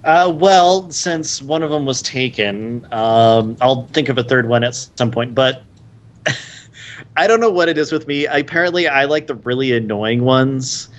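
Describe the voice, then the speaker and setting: A man's voice: medium pitch, lively intonation, unhurried. Gushing man on a podcast. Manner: enthusiastic, gushing. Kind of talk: casual chat.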